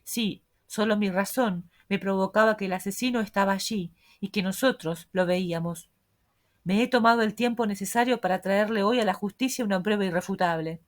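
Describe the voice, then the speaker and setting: A woman reading the lines of a bold young male reporter, calm, unhurried and sure of himself. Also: medium pitch, lightly acted. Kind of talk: audiobook reading.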